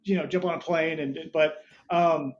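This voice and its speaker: A man's voice: on the high side, steady tone, normal speed, highs cut off, a little hiss or hum. A man in his thirties, a startup founder talking as a podcast guest, rambling with many restarts and short laughs. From Budapest, Hungary, raised there as an American. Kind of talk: casual interview chat.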